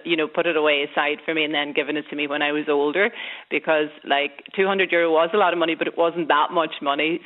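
A woman in her fifties with a Donegal accent from the west of Ireland, recalling things conversationally as an interview guest. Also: low-pitched. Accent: Donegal Irish, west of Ireland. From County Donegal, Ireland. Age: 50s. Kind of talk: conversational recollection. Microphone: phone. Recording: thin phone-line sound.

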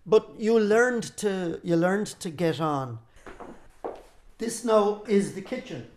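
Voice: medium pitch, expressive, slow pace, a little mellow. An older person with an Irish accent from Cork, telling stories conversationally as a local guide and building up lists with repeated phrases. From County Cork, Ireland. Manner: explains by listing and repeating phrases for emphasis. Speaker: interviewee and local lighthouse guide who grew up in a keeper's family. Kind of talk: conversational storytelling and guided reminiscence.

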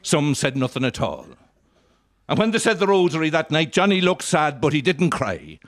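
An Irish man performs a comic monologue as a lilting storyteller. His delivery is droll, with a very lively, sweeping melody. The sound is fairly dry. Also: on the high side, normal speed, no room sound. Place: live on stage at an arts centre.

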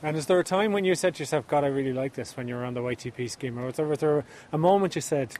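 A woman's voice: low-pitched, very fast, darkish tone, slight background noise. A woman interviewing for a radio documentary, asking brief, curious questions on location.

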